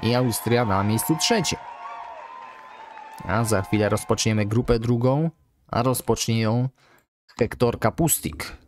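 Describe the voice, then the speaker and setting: A man calls a ski jumping video game like a live sports broadcaster, reeling off distances and point totals. His voice sits at an ordinary middle pitch, and he lifts it sharply when a jump goes well. A faint hiss of noise sits under the voice. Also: measured pace, long pauses. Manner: excitable, rising loud on big jumps. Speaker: game commentator. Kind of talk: sports-style play-by-play commentary.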